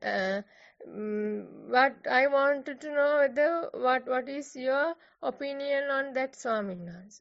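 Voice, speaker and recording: High, gravelly Sri Lankan woman, hesitant. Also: a little slow, no room sound. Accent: Sri Lankan English. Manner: hesitant, full of fillers. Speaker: participant asking a question. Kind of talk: questions on an online call. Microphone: video call. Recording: muffled, dry online call audio.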